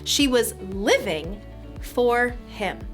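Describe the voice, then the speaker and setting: A woman's voice: a little high, expressive, extremely slow, soft background music. A young woman hosting a kids' devotional, bubbly and upbeat. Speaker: children's ministry host.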